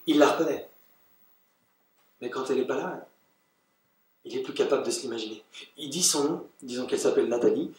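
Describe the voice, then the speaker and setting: A man's voice: mid-range voice, far from the mic, natural voice. A man playing an anxious, earnest, restless man. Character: Simon Labrosse, anxious, restless jobless man. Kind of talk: stage play acting. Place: theatre stage. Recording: very echoey stage from afar.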